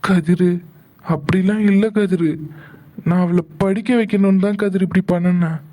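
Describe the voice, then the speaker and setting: A man voicing a gentle young man in a cartoon, pleading earnestly with his brother in a high voice. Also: fairly even intonation, normal speed, natural voice. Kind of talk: cartoon voice acting.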